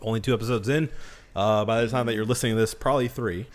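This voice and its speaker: A man's voice: fairly low pitch, steady tone, fast talker. A man co-hosting a podcast in casual chat, patiently explaining his point in a matter-of-fact way. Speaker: podcast co-host.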